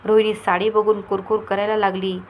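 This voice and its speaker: A woman narrates a family tale in a steady, even storytelling voice. Her pitch is moderate. There is faint noise in the background. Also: brisk, poor audio.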